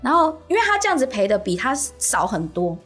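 A woman's voice: a little high, fairly quick, husky, faint music behind. A woman, co-hosting a casual podcast and telling a story with lots of laughter and acted-out voices. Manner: animated, laughs often, acts out other voices. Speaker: co-host.

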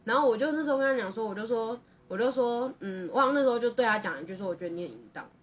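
A woman's voice: fairly high pitch, very fast, distant mic. A young woman, a podcast co-host telling a personal story in an earnest, rambling way full of restarts.

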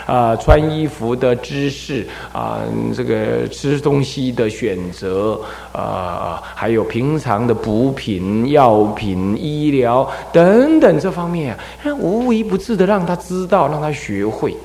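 Male abbot for a dharma talk, lively swinging pitch, repeats words as he goes, long hall reverb. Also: slow pace, vocal fry, few pauses, slight background noise. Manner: animated storytelling, repeats words while finding them. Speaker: Buddhist abbot and dharma teacher.

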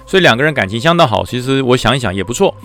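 A man with a Taiwanese Mandarin accent tells a story podcast in a lively, chatty way, recounting his army days as a battalion commander. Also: medium pitch, rapid-fire. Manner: lively, chatty, acts out the voices.

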